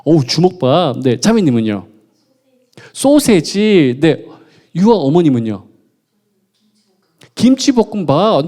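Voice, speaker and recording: This high-pitched, mellow male voice belongs to a pastor from Gunwi, North Gyeongsang, South Korea, delivering a midweek sermon. In a playful, talkative manner, he cracks jokes and puts questions to the congregation.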